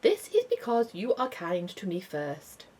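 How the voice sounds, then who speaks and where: Gentle female spider voiced by a woman, halting broken English, soft and tender, storybook reading, somewhat low. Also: huge pitch swings, slight background noise.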